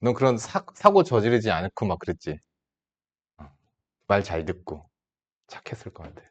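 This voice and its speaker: Brief: male math teacher in his 30s, casual and teasing with his class, pitch jumps around a lot. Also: sing-song, moderate pace, dull audio. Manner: casual, teasing, talks down to students like a big brother. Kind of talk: classroom lecture with side stories.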